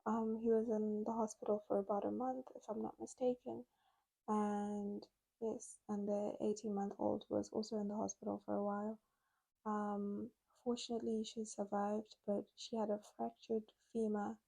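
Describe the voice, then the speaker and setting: A woman retells a true crime case in a casual, conversational way. Her pitch stays level, with little rise and fall. Her voice is mellow and subdued. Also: flat delivery, normal speed, vocal fry, husky, poor audio. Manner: conversational, recounting with quoted speech.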